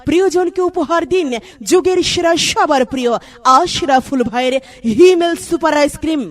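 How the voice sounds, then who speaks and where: A woman's voice: very high voice, moderate pace. A woman with a Bangladeshi accent delivering a scripted promotional ad as slogan-chanting sales patter. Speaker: advertisement announcer.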